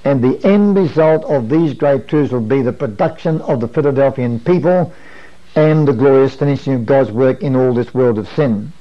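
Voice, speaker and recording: A man in his fifties delivers a sermon as a podium speech, earnest and measured, often posing questions to make his point. His pitch sits in the middle range, and the sound is dull, like old lo-fi videotape. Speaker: preacher. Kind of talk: sermon as podium speech, teaching at a camp meeting. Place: small wood-panelled room, standing at a desk. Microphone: lapel or pocket-clipped microphone. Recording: muffled lo-fi 1980s videotape.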